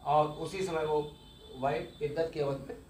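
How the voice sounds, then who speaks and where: Guy teaching a law class, fairly high voice, keeps repeating key words, roomy echo and a bit of hiss. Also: fairly even intonation, measured pace, darkish tone. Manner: explanatory, repeats key terms, mixes English legal words. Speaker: law lecturer. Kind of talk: exam-focused law lecture.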